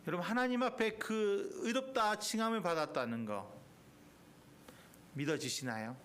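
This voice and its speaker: A male pastor preaching a sermon in a church, impassioned, climbing to emphatic peaks and then dropping quiet. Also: high voice, lively intonation, normal speed. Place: church sanctuary.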